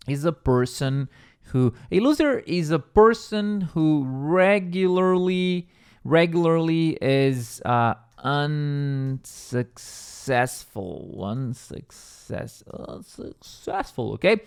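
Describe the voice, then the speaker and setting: Slow, lively Brazilian English teacher. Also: male voice, on the high side, smooth. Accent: Brazilian Portuguese. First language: Brazilian Portuguese. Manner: repetitive, checks in with "okay?" and "right?". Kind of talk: explaining vocabulary step by step.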